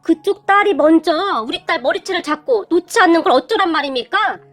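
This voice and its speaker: A woman's voice: very high voice, animated, brisk, soft background music, pitched above the performer's own voice. A woman playing a fierce scolding mother. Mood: furious. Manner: scolding, yelling. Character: fierce, protective middle-aged mother.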